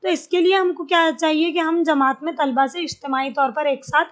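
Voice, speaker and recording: A woman's voice: high voice, steady tone. A woman teaching an exam-prep lesson, explaining step by step, repeating key terms and mixing in English words.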